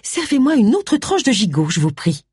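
A reader voicing a stern, commanding pastor's wife in a high, clipped voice. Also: female voice, big pitch swings, moderate pace, darkish tone, breathy edge, no room sound, studio quality, heavily acted. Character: stern older woman hostess, the pastor's wife.

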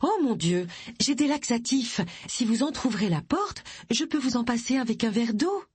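A woman voicing a fussy, fretful vicar's wife with a shrill, high voice. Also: lively intonation, moderate pace, darkish tone, breathy edge, no room sound. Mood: fussing.

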